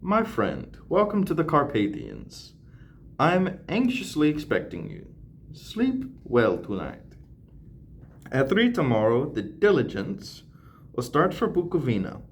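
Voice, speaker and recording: A man voicing the old vampire Count Dracula with a slow, low, put-on foreign accent while reading a novel aloud. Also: wildly swooping pitch, slight background noise, heavily acted. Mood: courtly.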